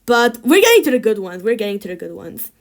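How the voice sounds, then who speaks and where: A woman's voice: a little high, sing-song, fast. A woman ranking things in a tier list, chatting casually and giving blunt opinions with lots of filler words. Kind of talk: casual chat.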